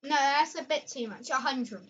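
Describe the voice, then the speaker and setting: A woman's voice: sits high, moderate pace, fairly bright tone. A woman hosting a reaction video, rambling loosely and trailing off. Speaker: host. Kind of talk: casual reaction chat. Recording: dull lo-fi audio.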